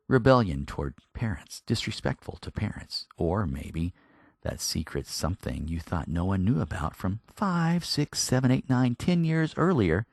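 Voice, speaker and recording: A man's voice: low-pitched, dry recording, clean studio sound. A man teaching a sermon on a Bible passage, talking conversationally and putting questions to his listeners. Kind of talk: expository sermon.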